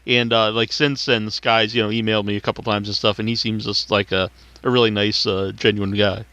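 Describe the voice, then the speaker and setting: A male podcast host who asks questions in a relaxed, halting way, with many fillers. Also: fairly low pitch, no echo. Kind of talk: casual interview chat.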